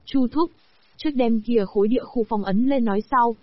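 Calm, decisive young sect leader read by a synthetic woman's voice; even machine delivery, raised pitch, dry lo-fi sound. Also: normal speed, dry recording, natural voice. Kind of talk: AI-voiced audiobook dialogue. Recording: dry, dull lo-fi audio.

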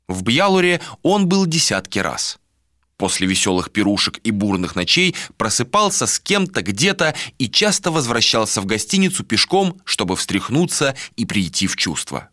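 A man narrating a novel in an audiobook, with dramatic, animated storytelling. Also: fairly low pitch, normal speed, no echo, studio quality. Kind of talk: expressive fiction narration.

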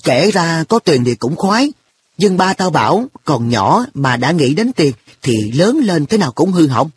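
A man voicing an earnest, quick-tempered schoolboy in a storybook reading, speaking with a raised, indignant boyish tone. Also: a little high, very animated, slight background noise, voice pushed up.

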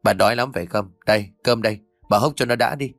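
Shrill cruel daughter-in-law, as a man puts her on. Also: vocal fry, fairly bright tone, no echo, soft background music. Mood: berating. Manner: harsh, scolding, fast. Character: cruel shrieking middle-aged daughter-in-law, woman.

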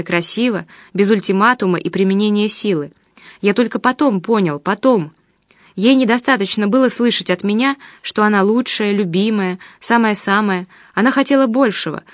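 A woman's voice: medium pitch, no room sound, studio quality, lightly acted. A woman reading the part of a bitter, resentful man who rants heatedly and accusingly in an audiobook. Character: bitter, resentful man ranting about his lover.

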